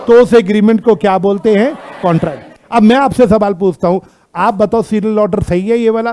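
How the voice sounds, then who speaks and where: A man with an Indian accent teaching a classroom law lecture, constantly quizzing students with rhetorical questions and reading out English text slowly. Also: sits high, darkish tone.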